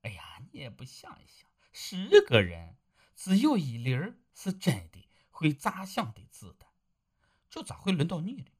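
A woman's voice: low voice, huge pitch swings, moderate pace, slightly rough, exaggerated voice. A woman voicing a blunt young village wife who teases and scolds her husband. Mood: coaxing. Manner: teasing, scolding.

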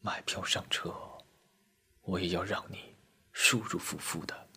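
A man's voice: low voice, fairly even intonation, unhurried, creaky, husky, voice pushed down, heavily acted. A man voicing a grieving young soldier. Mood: grieving murmur. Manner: tearful, murmuring, bursts into shouts. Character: grieving young male soldier, mourning a comrade.

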